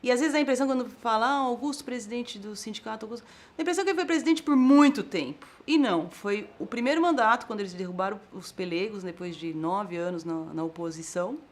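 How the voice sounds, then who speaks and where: A woman in an interview, calmly recounting a colleague's career. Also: medium pitch, quick pace. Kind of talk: reflective interview.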